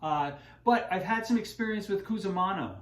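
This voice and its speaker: A man's voice: high-pitched, animated, moderate pace. Chatty man in an echoey room. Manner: rambling, many fillers and restarts; self-deprecating. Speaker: wine channel host. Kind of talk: casual unscripted talk.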